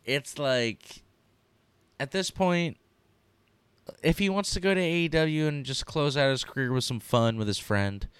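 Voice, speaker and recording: A man's voice: on the high side, a little slow, pauses often, clear, resonant tone, no room sound. A man co-hosting a podcast, talking casually with lots of fillers and emphasis. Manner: animated, filler-heavy, emphatic. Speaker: podcast co-host. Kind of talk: casual chat.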